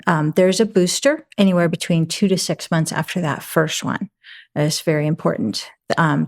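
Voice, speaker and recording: A woman physician explains medical advice to a talk show audience. She goes step by step with measured clarity, pausing on a filler now and then. Her voice sits fairly low for a woman. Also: a little mellow. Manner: clear and explanatory. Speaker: physician guest.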